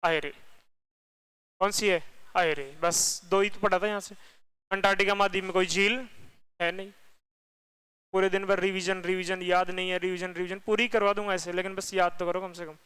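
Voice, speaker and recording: A man teaching a geography class, firing quick questions at his students and repeating the answers himself. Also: high voice, little pitch movement, bright, forceful tone, clean tone, low-quality recording.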